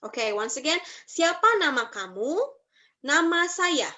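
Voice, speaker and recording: A woman with an Indonesian accent teaching a beginner language class over a video call, patient and slow, mixing English and Indonesian. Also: sits high, big pitch swings, bright, forceful tone.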